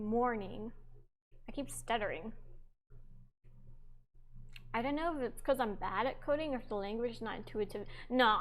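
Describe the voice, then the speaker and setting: A young woman livestreaming, chatting casually with her viewers while cooking in her home kitchen, rambling with lots of fillers. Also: fairly high pitch.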